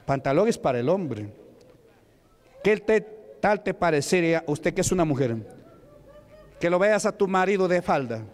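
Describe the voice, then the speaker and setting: A man's voice: high voice, lively intonation, normal speed, pauses often. A man from Peru preaching as a deacon, commanding and rebuking at a deliverance service in a church. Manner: commanding, repetitive shouted rebukes. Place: church sanctuary. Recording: echoey church hall.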